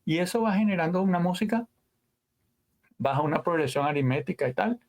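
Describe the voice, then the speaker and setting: A guest audio engineer, a man, tells stories in a casual interview with a high-sitting, creaky voice at a fairly quick clip. He's animated, leaning on sound words and trailing asides.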